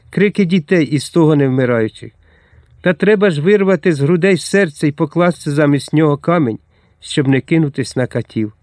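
A man's voice: a little high, darkish tone, dry recording, studio quality, natural voice. A man voicing a hot-tempered Cossack colonel who speaks vehemently and with passion. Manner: impassioned, vehement.

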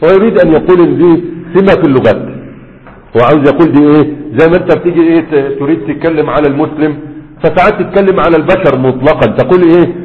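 A man's voice: a little high, racing. A man with an Egyptian Arabic accent teaching a classroom lesson, explaining a text and asking and answering his own questions. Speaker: sheikh teaching Arabic morphology. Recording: muffled lecture recording with long hall echo.

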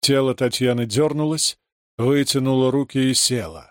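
A man reading a story aloud as narrator, in a measured, dramatic way. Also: medium pitch, no echo, clean studio sound. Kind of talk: audiobook reading.

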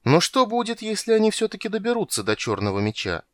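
A sly, fawning male spy with a high, wheedling voice, voiced by a man reading a storybook. He whines and flatters to get his way. The recording sounds dry and close. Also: brisk, no echo. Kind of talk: audiobook reading.

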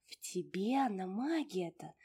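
A woman voicing a fussy, doting little old female house spirit in a storybook reading, with folksy, exclamatory speech and a slightly husky voice. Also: high-pitched, very animated, normal speed, a little mellow, voice pushed up. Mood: fussing.

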